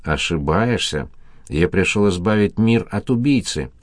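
A man's voice: deep voice, animated, a little slow, no echo, studio quality. A man reading an audiobook, voicing a crazed male historian who hisses his threats. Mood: contemptuous. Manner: hissing, menacing.

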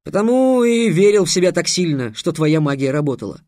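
A man's voice: a little high, sing-song, brisk, mellow, dry recording, clean studio sound. A man voicing a young, sarcastic mage who lectures his enemy in a scornful tone. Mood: lecturing. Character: young sarcastic male mage, bold and mocking.

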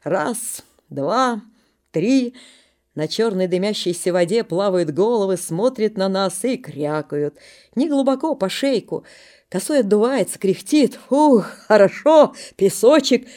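A woman narrating a literary audiobook with expressive storytelling. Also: medium pitch, measured pace.

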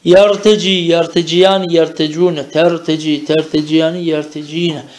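A man's voice: on the high side, level tone, unhurried, darkish tone, echoey room. A man teaching a traditional madrasa-style Arabic lesson, chanting verb conjugations in rhythmic drills and explaining them in Turkish, often checking with "değil mi?".

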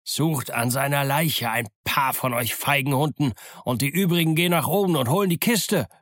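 A man's voice: mid-range voice, moderate pace, pushed and bright, no echo, clean studio sound. A man voicing a furious blind old pirate beggar who barks orders and curses his men. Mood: furious, commanding. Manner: barking orders, cursing.

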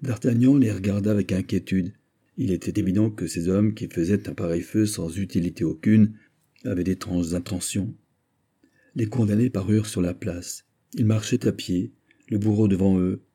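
A man narrating a classic novel as an audiobook in a steady, measured reading. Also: lowish voice, breathy edge.

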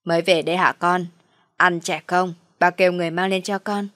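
A woman's voice: fairly low pitch, steady tone, brisk, fairly bright tone, no echo, studio quality, close to an everyday voice. Woman doing a doting, soothing old father. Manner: soothing, placating.

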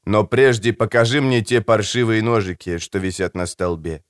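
A man voicing a muscular male customer at a market stall, terse and gruff, speaking low and curt. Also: fairly even intonation, normal speed, no room sound, studio quality, close to an everyday voice. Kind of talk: audiobook character voice.

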